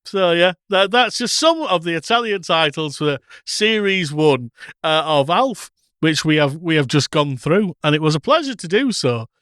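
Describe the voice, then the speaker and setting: A man's voice: fairly high pitch, sing-song, normal speed, fairly bright tone, no room sound, studio quality. Man chatting with a chuckle. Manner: chuckling, rambling, many fillers. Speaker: podcast co-host. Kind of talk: casual chat.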